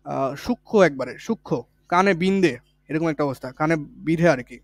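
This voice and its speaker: A man's voice: a little high, quick pace, no echo, studio quality. A man teaching physics in for exam prep, explaining step by step and repeating the key points in a casual, colloquial way. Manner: colloquial, with village words. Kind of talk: online exam-prep lesson.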